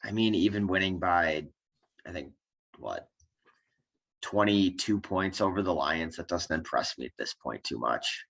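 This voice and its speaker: A young man with a very low voice, talking sports on a podcast over a dull, lo-fi recording. He hedges and restarts his sentences as he works through his picks. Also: lively intonation, a little slow, gravelly, a bit bright. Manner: hesitant, many "I think" and "I mean" restarts. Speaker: podcast co-host. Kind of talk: casual sports chat. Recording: dull lo-fi sound.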